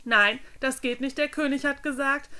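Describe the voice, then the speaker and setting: A woman's voice: high-pitched, steady tone, moderate pace, bright, forceful tone, voice pushed up. A woman reading aloud, voicing a fussy, dutiful young manservant who pleads anxiously with his prince. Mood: anxious pleading. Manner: pleading, agitated.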